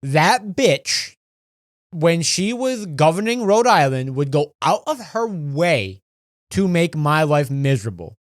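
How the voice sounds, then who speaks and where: A man's voice: a little high, sing-song, takes it slowly, dry recording, studio quality. A young man in his twenties, a podcast co-host telling a rambling, profane story in casual chat.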